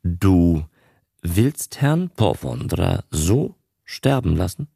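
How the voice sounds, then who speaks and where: A man's voice: sits low, big pitch swings, drawn-out words, vocal fry, mellow, breathy edge, no room sound, clean studio sound, full character voice. A man voicing the probing, reproachful inner voice of an author in a dramatized audiobook.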